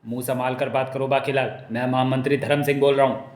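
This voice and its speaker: A man's voice: medium pitch, level tone, fast, a little mellow, close to an everyday voice. A man voicing a haughty male chief minister who scolds with scorn. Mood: scolding. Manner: scolding, pompous. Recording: echoey room.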